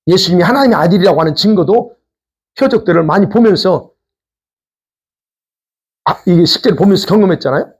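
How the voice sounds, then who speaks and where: Pastor guy preaching, kinda high voice that jumps around a lot, raspy, asks the church questions. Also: animated, a little fast, pauses often, a little mellow. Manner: conversational preaching with rhetorical questions. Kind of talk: sermon. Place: church sanctuary.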